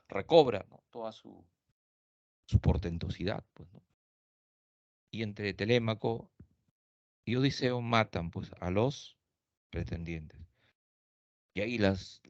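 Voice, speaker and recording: Chatty literature teacher. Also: male voice, lowish voice, creaky, no echo. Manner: chatty, tag questions. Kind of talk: storytelling lecture. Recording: dull lo-fi dry recording.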